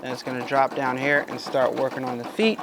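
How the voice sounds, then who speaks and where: A man's voice: mid-range voice, level tone, a little fast. A man hosting a casual embroidery how-to, chatting to viewers as he works and often calling them guys. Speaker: embroidery channel host. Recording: sewing machine noise in background. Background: running embroidery machine.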